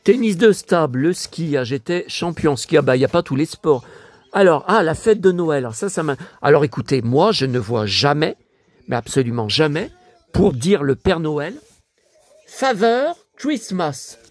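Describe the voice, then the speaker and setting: A man's voice: a little high, animated, normal speed, dry recording. An older man from France chatting casually as a vlogger, musing aloud as he reads English words in a French way. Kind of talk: casual chat while leafing through a book.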